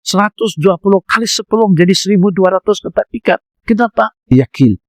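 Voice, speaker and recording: Malaysian Malay preacher, slightly high voice. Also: male voice, brisk, no echo, studio quality. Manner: animated storytelling, acts out voices. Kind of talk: mosque lecture.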